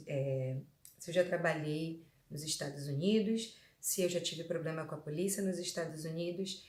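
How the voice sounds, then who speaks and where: A woman's voice: fairly low pitch, a little mellow. A woman from Brazil telling her viewers a personal story in a chatty vlog, with frequent fillers and rephrasings. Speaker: vlogger. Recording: echoey room.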